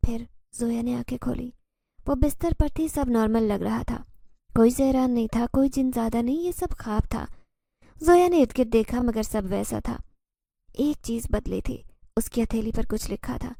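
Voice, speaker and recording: A woman's voice: fairly high pitch, vocal fry, warm tone, no echo, studio quality. A woman storyteller giving a suspenseful, scripted narration of a horror story.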